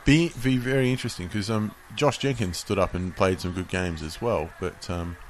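A man's voice: sits low, moderate pace, slight background noise. A man with an Australian accent in casual football commentary chat on a podcast. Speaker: sports podcast host.

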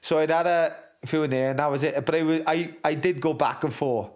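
A man's voice: fairly high pitch, fairly quick, darkish tone. A middle-aged man, a former rugby player, talking frankly and swearing freely as an interview guest, full of restarts. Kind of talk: candid interview talk.

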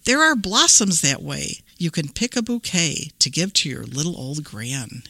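A woman voicing a hungry, scheming male wolf in a smooth, persuasive storybook voice. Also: low-pitched, big pitch swings, a little slow, pushed and bright, no room sound, heavily acted. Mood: coaxing.

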